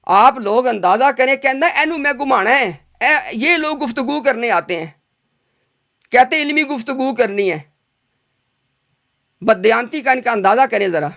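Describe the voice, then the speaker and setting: A man's voice: very high-pitched, lively intonation, vocal fry, long pauses, a bit bright. A man in a heated religious debate over a video call, insistent, interrupting and repeating himself.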